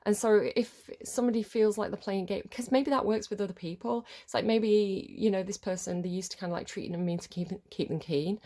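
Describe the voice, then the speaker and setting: A woman's voice: medium pitch, brisk, hardly any pauses, dark tone. A woman giving a casual, chatty tarot reading in a rambling, informal way, her voice slightly muffled by a head cold. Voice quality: slightly muffled, congested nose. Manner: rambling, informal, often checks with "right?". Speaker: tarot card reader.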